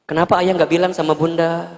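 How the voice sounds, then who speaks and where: A man's voice: a little high, flat delivery, a little fast, natural voice. A preacher voicing an upset wife, questioning her husband in a reproachful way. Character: upset wife confronting husband, middle-aged woman. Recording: long hall reverb.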